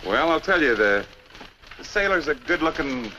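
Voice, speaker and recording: An actor playing a boxing manager in a 1950s film, needling with teasing, pointed questions. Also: male voice, on the high side, sing-song, normal speed, sharp tone, dull audio. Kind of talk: 1950s film drama acting. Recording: old film track with faint noise.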